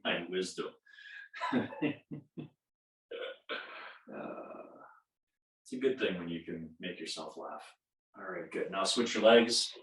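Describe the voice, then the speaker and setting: A man's voice: sits low, far from the mic. A man in his fifties guiding a yoga class, self-deprecating and stretching out his cues. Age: 50s. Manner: self-deprecating, chuckles at own jokes. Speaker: yoga instructor. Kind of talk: guided yoga class instruction. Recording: roomy echo, voice from off-mic.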